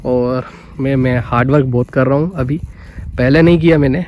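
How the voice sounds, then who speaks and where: A man's voice: mid-range voice, fairly even intonation, normal speed, darkish tone, a little hiss or hum. A man explaining a motorbike brake repair in a casual, conversational way, often checking in with his viewers. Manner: conversational, repeats "guys" and "okay" often. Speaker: motorbike vlogger.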